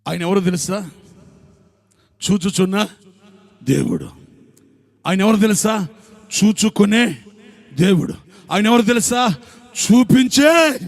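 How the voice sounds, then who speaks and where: A male pastor preaching a revival sermon, asking the crowd repeated questions and calling for loud amens and hallelujahs, often climbing into shouts. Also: high voice, vocal fry. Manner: repetitive call-and-response questions. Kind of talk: Pentecostal-style revival sermon.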